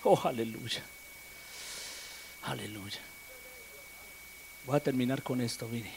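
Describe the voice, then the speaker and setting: A male preacher delivering a Spanish-language church sermon, swinging from hushed, whispered retellings to loud, shouted climaxes. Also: mid-range voice, takes it slowly, gravelly, background noise.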